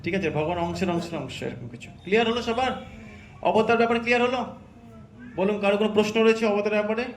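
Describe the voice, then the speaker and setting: A man's voice: high voice, fast. A man teaching a religious class, quizzing the students and checking often that they follow. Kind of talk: interactive scripture class. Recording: echoey hall with crowd.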